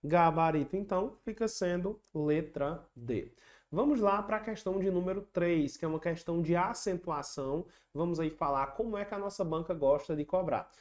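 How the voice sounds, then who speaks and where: A patient teacher walking students through exam questions in an online lesson, saying each rule more than once. The voice sits at a middle pitch, and the delivery slips into chanted rhymes to make the rules stick. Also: normal speed, a little mellow. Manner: patient and explanatory, repeats key rules; chants rhyming memory tricks.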